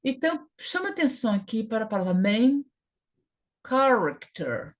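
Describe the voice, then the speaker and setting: Speaking fast and with lots of energy, a woman with a slightly high voice and a Brazilian Portuguese accent teaches English informally. As the teacher, she stresses each syllable and says important words more than once.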